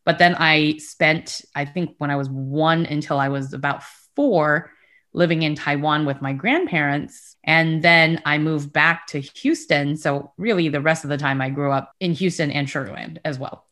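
A woman's voice: low voice, normal speed, fairly bright tone. A young adult woman co-hosting a podcast, chatting casually with a friend and laughing often. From United States. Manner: giggly, chatty, frequent laughter. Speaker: podcast co-host. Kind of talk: casual chat.

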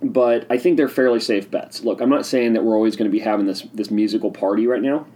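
Man, podcast host, casual solo monologue, excitable, opinionated, rambling, mellow dark voice. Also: on the low side, fast. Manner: sipping a drink while talking.

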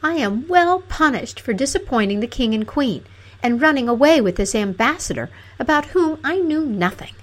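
Woman doing a soft timid princess, goes way up high, very bouncy. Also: expressive, moderate pace. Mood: pleading. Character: gentle young princess, timid and sweet.

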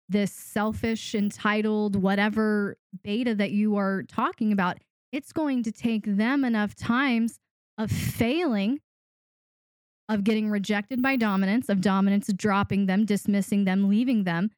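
A woman's voice: medium pitch, unhurried, a little mellow, no room sound. A woman hosting an advice podcast, coaching a guest in an emphatic, direct way and stacking points for effect. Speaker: podcast host and coach for dominants.

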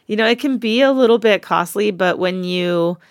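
A woman's voice: mid-range voice, normal speed, no room sound, clean studio sound. A woman in her forties co-hosting a podcast, talking frankly in casual chat with frequent ums. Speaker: podcast co-host.

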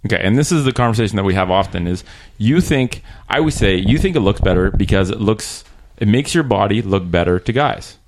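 Male podcast host, lowish voice, conversational and halting, recorded in a small room. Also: lively intonation, noisy background. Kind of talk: casual interview chat. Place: small room in a rented apartment.

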